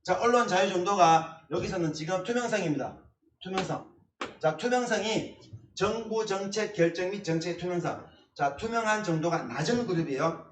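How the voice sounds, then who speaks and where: Man, essay instructor, emphatic classroom lecture, slightly high voice, distant mic, echoey room, faint hiss. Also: moderate pace. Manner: emphatic, repeats key words. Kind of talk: blackboard lecture. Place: classroom at a large blackboard.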